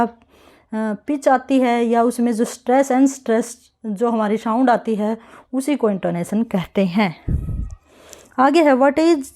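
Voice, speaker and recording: A woman, working through an exam answer key as an English tutor, reading each question slowly and then explaining it in a chatty way. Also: fairly high pitch, dark tone.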